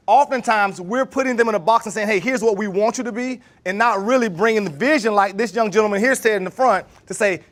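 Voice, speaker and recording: A man in his thirties from Florida giving an animated leadership workshop talk and putting questions to a live group. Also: sits high. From Jacksonville, Florida. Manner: animated, asks the room questions. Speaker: leadership trainer.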